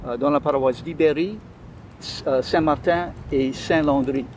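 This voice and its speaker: Guy with a cajun louisiana french accent, interview chat, keeps pausing for words, noisy outside sound. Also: fairly high pitch, darkish tone. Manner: hesitant, searching for words. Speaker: interview guest. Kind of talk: conversational interview.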